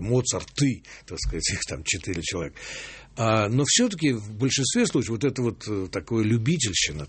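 An older man, a composer, giving animated, opinionated answers in a radio interview. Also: fairly low pitch, slightly rough, no echo. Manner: animated, opinionated, quoting others mockingly.

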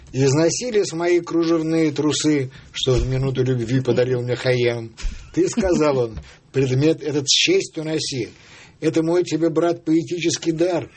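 A man reciting his own comic poem on air in a measured, mock-solemn way. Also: on the high side, a little mellow, a little hiss or hum. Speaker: poet guest.

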